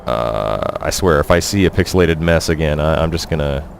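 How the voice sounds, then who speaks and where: Deep-voiced young man streaming a game. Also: expressive, moderate pace, gravelly, slight background noise. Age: young adult. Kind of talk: casual gameplay live-stream commentary.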